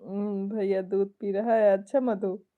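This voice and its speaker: The audio is narrow and tinny with a noisy background as a woman from India's Awadh region, a folk singer, chats on a live stream in Awadhi-accented Hindi. Her mid-range voice stays level at a measured pace. She reads comments aloud, chuckles a lot, and swaps devotional greetings with viewers.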